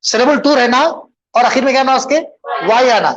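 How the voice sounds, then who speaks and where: A man's voice: extremely high pitch, normal speed, a bit bright, highs cut off, a little hiss or hum. A man teaching an English grammar lesson, switching between English and Hindustani and answering his own questions as he goes. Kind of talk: bilingual classroom lesson.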